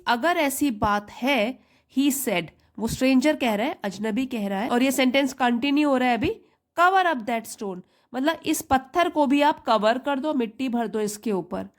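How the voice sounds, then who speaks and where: A woman teacher, reading a story phrase by phrase and explaining each part in Hindi. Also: a little high. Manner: reads English phrase by phrase, then explains it in Hindi. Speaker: English teacher. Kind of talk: slow bilingual reading lesson.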